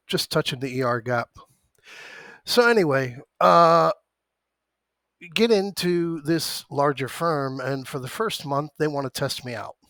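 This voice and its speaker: A man's voice: mid-range voice, fairly bright tone, no room sound, studio quality. A man in his forties hosting an options trading stream from his home computer, swearing often and breaking off his story to call out stock prices. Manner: profane, rambling, jumps between anecdote and stock prices. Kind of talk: livestream storytelling mixed with market commentary.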